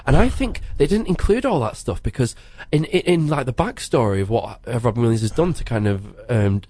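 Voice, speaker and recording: A man's voice: medium pitch, expressive, warm tone, slight background noise. Chatty man reviewing a film. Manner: chatty, rambling, quick to laugh. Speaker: podcast co-host. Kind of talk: casual film review chat.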